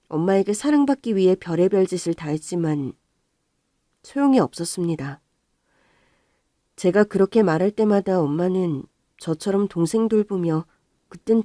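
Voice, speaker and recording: A woman narrating a first-person life story in a calm, subdued way. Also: medium pitch, normal speed, no echo, studio quality.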